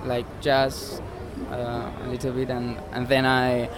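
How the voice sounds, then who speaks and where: A jazz pianist from Spain in his twenties answers interview questions hesitantly in simple English. His medium-pitched voice is slow and completely flat, and crowd noise carries behind him outdoors.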